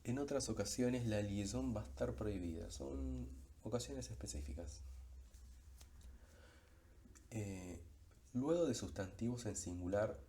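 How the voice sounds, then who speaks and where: A man teaching a lesson, walking patiently through the example words on a slide, with pauses and frequent fillers. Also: on the low side, warm tone. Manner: slow, patient explanation, stretching out the example words. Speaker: French teacher. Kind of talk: explaining a slide in a recorded lesson.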